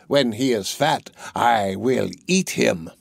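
A man's voice: mid-range voice, lively intonation, takes it slowly, vocal fry, no room sound, exaggerated voice. A man voicing a cruel, mocking old female witch in a storybook reading, raising his voice for her. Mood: commanding. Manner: mocking, gloating storybook villain voice.

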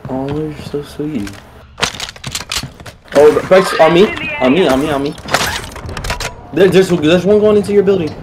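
A young man casually commenting on his game with a friend, excitable and profane, often repeating himself. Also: on the high side, moderate pace, pauses often. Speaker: gamer streamer. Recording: noisy game audio behind.

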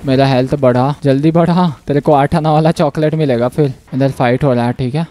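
Excitable man. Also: mid-range voice, brisk, no echo. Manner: excitable, jokey, bursts of yelling. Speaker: gaming channel host. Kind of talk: playful gameplay commentary.

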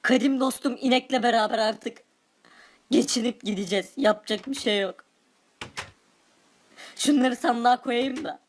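A woman's voice: on the high side, moderate pace, long pauses, slight background noise, natural voice. A woman playing a poor, envious villager in a Minecraft role-play, who wishes she were rich and turns bitter and vengeful. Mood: wistful envious. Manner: wistful, then bitter and cursing.

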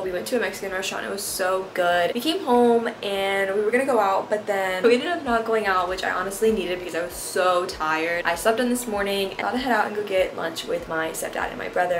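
A young American woman talks casually in a chatty vlog style at a medium pitch. She leans on "like" as she goes, with heavy background noise. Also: fairly quick, few pauses. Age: young adult. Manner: chatty, uses "like" often. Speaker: vlogger, college student. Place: indoor rooms at home. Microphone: camera at arm's length or close by.

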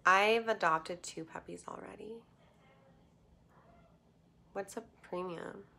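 Casting: young female livestreamer, slow and halting, casual chat, heavy vocal fry, faintly noisy phone audio. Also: medium pitch, sharp tone. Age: young adult. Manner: halting, reading and answering viewer comments. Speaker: livestream host and model. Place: small bedroom, indoors. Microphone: phone at arm's length.

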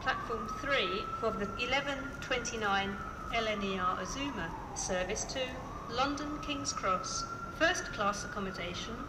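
A woman's voice: fairly high pitch, unhurried, heavy background noise. A woman making a formal, scripted train station announcement in separate segments, heard over public address speakers. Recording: echoey distant station tannoy with loud ambience.

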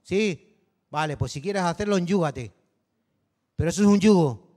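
Canarian pastor guy preaching, high voice, chatty, keeps asking the crowd stuff, big reverby hall. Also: normal speed, darkish tone. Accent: Canary Islands Spanish. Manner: conversational preaching, peppered with rhetorical tags. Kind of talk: sermon.

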